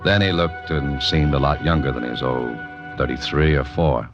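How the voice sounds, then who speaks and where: In a muffled 1940s radio mystery recording with music, an actor with an American accent narrates in hard-boiled first person as a dry, laconic, wisecracking writer and amateur adventurer. His male voice is extremely low, delivered at normal speed in a wry narrating mood.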